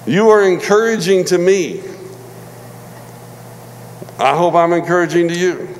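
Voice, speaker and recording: A man in his forties preaching a sermon in a relaxed, conversational way, often repeating words and checking in with "all right?". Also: sits high, measured pace, big-room sound, a little hiss or hum, low-quality recording. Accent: non-Michigan American. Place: church hall.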